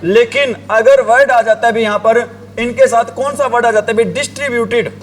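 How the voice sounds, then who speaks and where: A brisk male English teacher with a very high voice and fairly even intonation leads a grammar lesson, repeatedly asking the class the same questions, answering them himself, and writing on a board.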